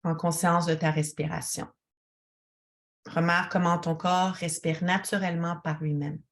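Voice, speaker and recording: Talking to a single listener, a yoga teacher guides a relaxation in a soothing, calm, instructive tone. She has a lowish voice and speaks at a normal speed.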